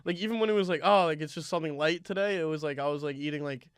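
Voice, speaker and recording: A young man with a high, smooth, resonant voice co-hosting a casual podcast. He rambles loosely, stacking "like" between his words. The recording is close and dry, with no room sound. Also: racing, no room sound. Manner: rambling, heavy on "like" fillers. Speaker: podcast co-host.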